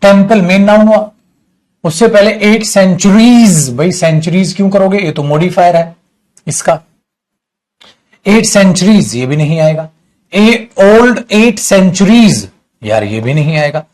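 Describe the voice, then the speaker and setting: A man's voice: high voice, normal speed, a little mellow. Earnest scolding Hindi-speaking teacher, man. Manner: scolding, earnest lecturing tone, calls students beta. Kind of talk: online English grammar class. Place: his own studio.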